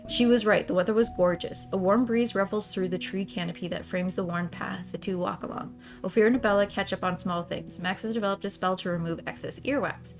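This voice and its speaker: Her mid-range voice moves a little fast with hardly any pauses, faint music underneath. Between passages of visual novel narration that she reads aloud, she chats casually in let's-play style and tends to let sentences trail away.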